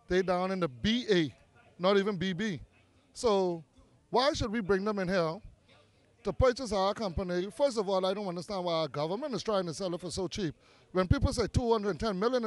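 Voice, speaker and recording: With no room sound, a man with a high-sitting voice and a Bahamian accent, from Grand Bahama, responds to interview questions in a park outdoors. As a community activist he comes across earnest and persuasive, leaning on repeated words for emphasis.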